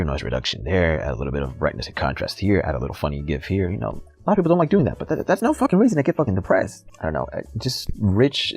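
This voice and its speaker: A man's voice: low-pitched, gravelly, a little mellow, husky. A man giving a heated, profane and sarcastic rant as a YouTube commentator. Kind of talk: ranting commentary vlog.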